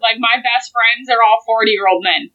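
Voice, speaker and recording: A woman in her twenties speaks in a higher voice with a bright, forceful edge. She is blunt and emphatic in casual podcast chat and swears as easily as she talks. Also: moderate pace, lo-fi sound. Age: 20s.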